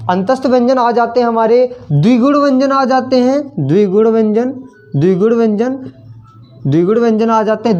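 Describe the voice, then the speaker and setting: A male teacher giving a slow classroom lesson, often repeating words while he writes on the board. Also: very high voice, a little mellow, dull audio. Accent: Hindi.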